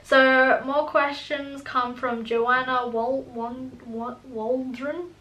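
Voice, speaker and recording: A woman's voice: sits high, fairly even intonation, slow, sharp tone. A woman of twenty-one, chatty and laughing often as she answers viewers' questions in a casual vlog. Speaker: student vlogger. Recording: echoey room.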